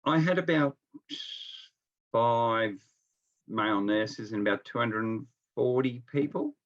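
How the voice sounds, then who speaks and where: On a remote call from home, a middle-aged Australian man from Melbourne, a seasoned nurse, tells casual anecdotes as an interview guest. His mid-range voice is slow, and the audio comes through dull.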